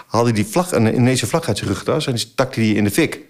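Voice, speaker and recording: A man in his forties speaks as a podcast guest, spinning a story with animated energy. He acts out his own past exclamations and fills his pauses with plenty of hesitation sounds. His voice sits at a middling pitch. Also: vocal fry. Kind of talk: casual storytelling.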